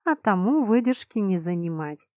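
A woman narrating a first-person fantasy audiobook in an expressive, emphatic manner on a close mic. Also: medium pitch, moderate pace, no room sound.

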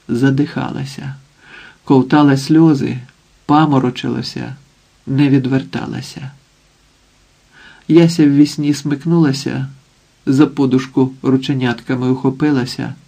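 Male narrator, audiobook, gravelly voice, husky tone, even subdued reading. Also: mid-range voice, measured pace, pauses often, low-quality recording. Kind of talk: scripted narration.

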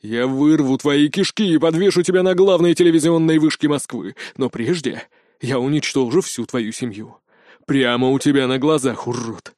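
A man's voice: mid-range voice, normal speed, a little mellow, no echo, clean studio sound, lightly acted. A man voicing an arrogant, menacing Norse trickster god who mocks and snarls at his foes. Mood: snarling furious. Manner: mocking, snarling.

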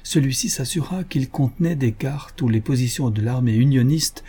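A man reading an adventure novel aloud in a steady, measured narration. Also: medium pitch, slightly rough. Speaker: audiobook narrator. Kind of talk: scripted narration.

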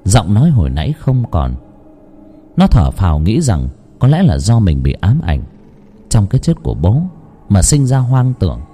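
A man's voice: fairly low pitch, big pitch swings, moderate pace, warm tone, husky, faint music behind. A man narrating a ghost story in a dramatic, suspenseful way. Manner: dramatic, suspenseful, wide-ranging delivery.

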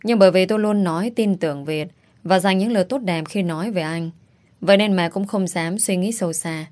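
A young woman tells her own story in the first person, wry and confiding. Her voice sits a little low for a woman, and she reads expressively. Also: brisk, darkish tone.

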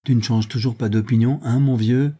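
A man's voice: medium pitch, steady tone, moderate pace, warm tone, slightly rough, natural voice. A man voicing an anxious, wary young boy held captive, speaking in pleading questions in a storybook reading.

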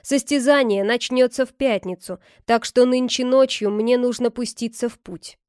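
A woman's voice: on the high side, normal speed, darkish tone, no room sound, close to an everyday voice. Stout jolly monk, read by a woman: firm, earnest, storybook reading, dry close sound. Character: jolly stout male monk, stubborn about his vows.

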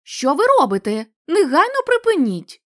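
A woman reading the part of an eager young woman who talks in a bright, excited, coaxing way. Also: sits high, normal speed, pitched above the performer's own voice. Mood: insistent.

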